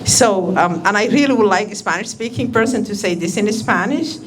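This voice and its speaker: A woman's voice: medium pitch, lively intonation, fairly quick, slight background noise. A woman leading a youth workshop, giving directive instructions for a breathing exercise.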